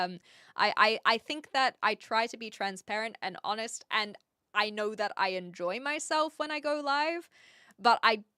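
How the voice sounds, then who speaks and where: A woman's voice: mid-range voice, sharp tone, no room sound, clean studio sound. A woman with a mild New Zealand accent chatting casually to livestream viewers in a playful, self-deprecating way. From New Zealand, Hamilton. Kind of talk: casual livestream chat, reading and answering viewer comments.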